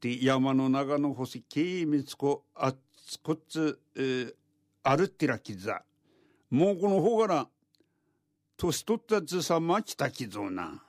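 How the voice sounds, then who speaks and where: A man's voice: medium pitch, expressive, measured pace, no echo, clean studio sound. A man narrating a folktale orally in a thick rural Tohoku Japanese dialect, with homespun, repeated dialect sentence endings. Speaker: folktale storyteller.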